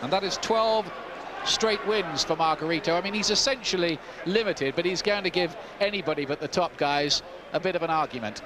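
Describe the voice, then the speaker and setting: A man's voice: fairly high pitch, brisk. Male boxing commentator over a roaring crowd. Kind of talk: live play-by-play fight commentary. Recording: loud crowd and noise behind commentary.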